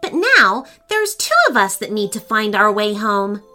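Woman doing a kind young girl, high lively voice, bright tone. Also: a little slow, faint music behind. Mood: warm, polite. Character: kind polite young girl, gentle and grateful. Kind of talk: storybook character reading.

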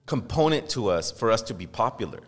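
A little fast and very animated, a lowish male voice drives this heated, casual podcast talk. The host, from Los Angeles, is impassioned and profane, ridiculing others by imitating them in quoted voices. Recorded in a podcast studio, it has long hall reverb and faint music.

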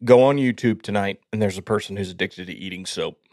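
A man's voice: fairly low pitch, fast talker, a little mellow, dry recording, clean studio sound. A man hosting a podcast, swapping dad jokes and stories in a jokey, self-mocking way. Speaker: podcast host. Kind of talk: casual chat, trading dad jokes.

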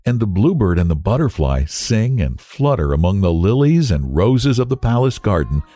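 A man reading a children's storybook aloud in an expressive, lilting way, close to the mic. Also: on the low side, normal speed, no room sound, faint music behind. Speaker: children's story podcast narrator.

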